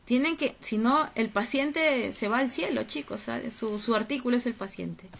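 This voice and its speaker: A woman's voice: fairly high pitch, normal speed, creaky, a bit bright, a little hiss or hum. A woman teacher lecturing students on a video call, coaxing and teasing them with questions. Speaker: university teacher. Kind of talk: online class lecture.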